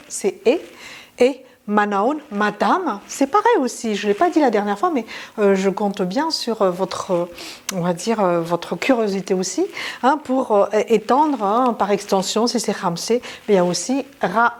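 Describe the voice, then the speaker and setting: A woman teaching a language lesson in a casual, chatty way, with many fillers and restarts. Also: medium pitch.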